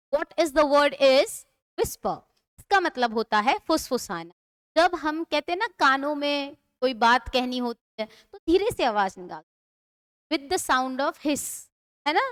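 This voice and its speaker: A female English teacher explains each word with patient repetition, often posing a question and answering it herself. Her voice sits high and unhurried. The sound is dry and close, with little room around it. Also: a bit bright, dry recording. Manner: explains slowly, repeats words and asks questions of the students. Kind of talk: classroom lesson in Hindi mixing English.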